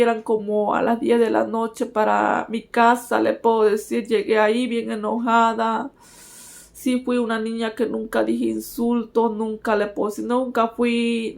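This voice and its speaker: A woman's voice: medium pitch, gravelly. A woman giving a personal religious testimony, earnestly speaking to her listeners as brothers and sisters.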